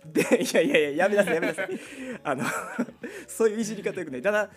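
A man co-hosting a casual chat, answering with quick, playful retorts. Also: high voice, animated. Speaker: podcast co-host.

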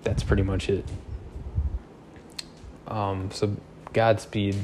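A man's voice: fairly low pitch, little pitch movement, slow, darkish tone, slight background noise. A man in his thirties, a little drunk, rambling through a loose, joking monologue full of swearing. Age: 30s. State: tipsy.

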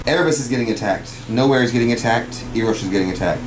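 A man's voice: medium pitch, racing, noisy background. Man running a game in an echoey room. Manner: informal, salty-tongued, thinking aloud. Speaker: game master. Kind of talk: running a tabletop game, casual chat. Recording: echoey room with background music.

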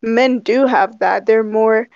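Slow, frank young woman. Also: fairly high pitch, fairly even intonation, a little mellow, no room sound. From Algeria. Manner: measured, frank, pausing to find words. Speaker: discussion participant. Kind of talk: casual discussion. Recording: dry, muffled lo-fi call audio.

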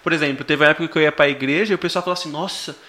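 A man's voice: on the high side, steady tone, very fast, sharp tone. A Brazilian man in casual podcast chat, telling anecdotes and quoting people with a laugh. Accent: Brazilian Portuguese. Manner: storytelling, quotes others, laughs.

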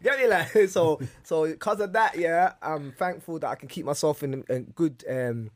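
A man's voice: fairly high pitch, moderate pace, a little hiss or hum. A young man, a guest who is a personal trainer, talking slangily and often checking "you understand?". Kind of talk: casual chat.

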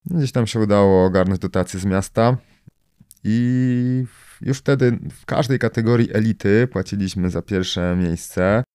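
Deep, smooth-voiced man chatting loosely. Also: a little slow, a little mellow, no room sound, studio quality. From Poland. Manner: loose, rambling, with many fillers and tag questions. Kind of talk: casual podcast conversation.

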